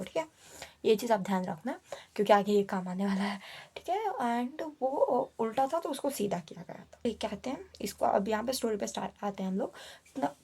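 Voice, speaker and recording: A woman's voice: medium pitch, vocal fry, warm tone, slightly rough. A young woman casually telling a true horror story at home, dropping into whispers at the scary parts. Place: home, indoors.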